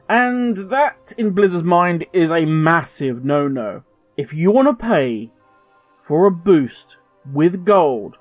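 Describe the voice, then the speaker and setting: With a high-pitched voice and a dry, roomless sound, a man fronts a gaming video. His commentary is forceful and opinionated, a rant aimed straight at the viewer.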